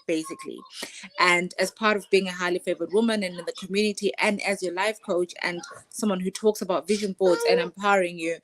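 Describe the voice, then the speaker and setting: A woman's voice: medium pitch, slight background noise. A woman life coach speaking from her sofa at home on a video call with headphones, earnest and motivational. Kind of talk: casual online panel chat.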